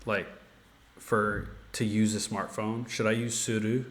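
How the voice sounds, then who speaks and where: A man practicing as a language learner, tentatively thinking aloud and haltingly sounding out Japanese. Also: on the low side, flat delivery. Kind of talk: casual speaking practice.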